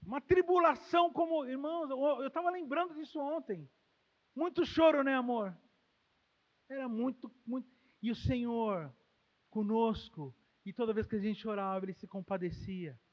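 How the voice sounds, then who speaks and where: A Brazilian man preaching a sermon as pastor, emotional, swinging from loud exclamations to quiet, intimate tones. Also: very high-pitched, moderate pace. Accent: Brazilian Portuguese. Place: church hall. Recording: long hall reverb, dull lo-fi sound.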